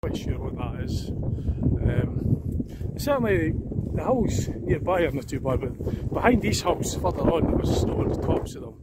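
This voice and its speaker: A man's voice: on the high side, measured pace. Scottish man vlogging outdoors in strong wind. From Scotland. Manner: chatty, relaxed, with fillers and trailing asides. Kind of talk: casual hiking vlog narration. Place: outdoors on open hills in winter. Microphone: phone or camera held at arm's length. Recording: loud wind noise on the mic.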